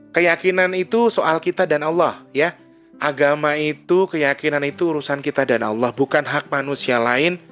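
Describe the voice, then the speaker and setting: A man's voice: on the high side, fairly bright tone. A man talking in a casual vlog monologue, rambling and correcting himself as he goes. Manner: rambling, with frequent restarts and self-corrections. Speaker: vlogger.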